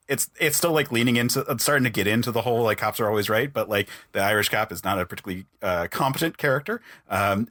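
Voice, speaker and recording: A podcast host with a pushed, bright mid-range voice rambles casually, scattering filler words and plenty of "like" throughout. The recording is studio quality with no room sound.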